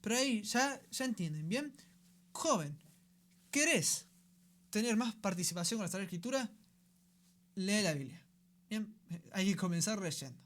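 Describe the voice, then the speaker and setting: A man's voice: high-pitched, lively intonation, moderate pace, pauses often, a bit bright. A man with a Rioplatense Spanish accent hosting a radio program, giving a conversational teaching talk and often checking in with his listeners.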